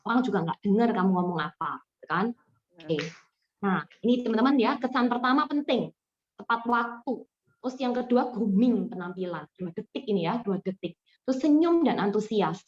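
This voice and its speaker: A woman leading an online sales training and talking warmly to her trainees, dropping in English words. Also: mid-range voice, moderate pace. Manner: lively, addresses listeners warmly as friends, mixes in English words. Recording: dull lo-fi call audio.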